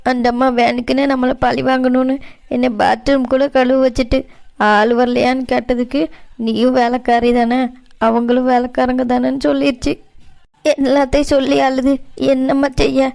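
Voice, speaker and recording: Voicing a cartoon housemaid, a worn-out, hardworking middle-aged mother, a woman sounds weary and resigned but stays tender with her daughter. She speaks at a moderate pace in a high, creaky, slightly mellow voice with flat delivery.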